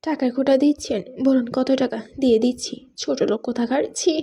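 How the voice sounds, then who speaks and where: A proud, quick-tempered young wife who answers with biting, indignant lines, as a woman narrator reads her. The voice is fairly high and soft-edged, with a breathy, husky grain. It is told as an audiobook romance. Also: fairly even intonation. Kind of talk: audiobook character reading.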